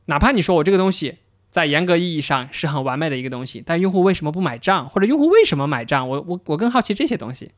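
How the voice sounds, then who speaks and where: A man's voice: a little high, big pitch swings, racing, dry recording, clean studio sound. A man co-hosting a casual podcast conversation, talking through his own path in a reflective, storytelling way with some repeated words. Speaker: podcast co-host, interaction designer. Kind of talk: casual chat.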